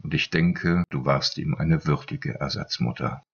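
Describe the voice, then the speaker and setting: A man reading the lines of an older male head of household, who speaks calmly and in a measured way. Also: very deep voice, slightly rough, dull audio, full character voice. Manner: calm, measured.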